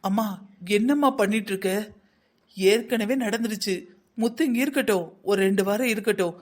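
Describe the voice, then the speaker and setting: A man voicing a calm young brother in a cartoon family drama, reasoning patiently with his family. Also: sits high, moderate pace, close to an everyday voice.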